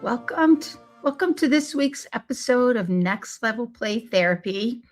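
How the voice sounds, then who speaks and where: Faint music plays behind a woman hosting a live podcast on play therapy, her voice hoarse, scratchy and squeaky from laryngitis. She's animated but unhurried and friendly, with small self-corrections in her speech.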